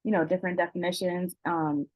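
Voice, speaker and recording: A woman's voice: lowish voice, level tone, brisk, no room sound, highs cut off. A woman council member speaking thoughtfully and hesitantly in a meeting. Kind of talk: meeting discussion.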